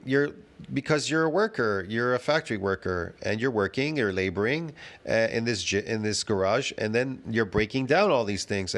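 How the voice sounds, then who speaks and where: A man rants through a fitness commentary, emphatic and repetitive, full of restarts and rhetorical questions. His voice is medium-pitched and a bit bright.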